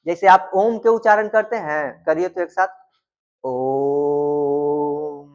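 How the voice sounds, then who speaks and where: A man's voice: high voice, moderate pace, dull audio. A man teaching in a classroom-style lecture, asking questions and answering them himself, and drawing out sounds to demonstrate them.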